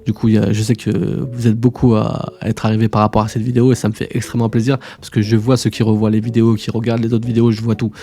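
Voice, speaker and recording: A man's voice: lowish voice, monotone, fast, few pauses, dark tone. A man hosting a casual screen-share tutorial, informal and slangy, chatting to viewers like buddies. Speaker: tutorial host.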